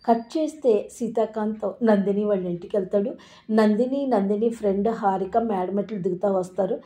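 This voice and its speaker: Mellow-voiced woman recapping a serial. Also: mid-range voice, normal speed. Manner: chatty, addresses friends. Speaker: host. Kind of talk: casual serial recap narration.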